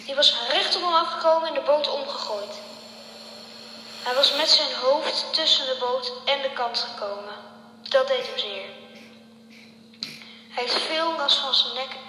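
In an echoey hall with a faint hum, a woman reads a story aloud carefully, her high voice pushed and bright. Now and then she stumbles over a word and corrects herself.

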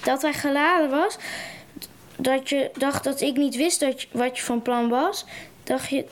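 A woman reading aloud in a high, shouting voice as a panicky boy from a storybook. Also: unhurried. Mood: accusing.

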